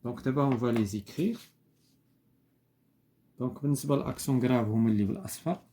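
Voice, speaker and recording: A man teaching a primary-school French lesson, saying each word slowly and repeating it, then explaining in dialect. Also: medium pitch, mellow.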